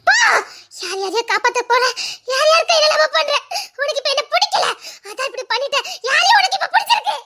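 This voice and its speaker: An actress voices a grieving young mother who has lost her child, her voice pitched very high and shrill. She has a Tirunelveli Tamil accent, and she breaks into bitter, tearful laughter and shouting as she accuses the people around her. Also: fast talker. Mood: hysterical, sobbing. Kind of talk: emotional web drama acting.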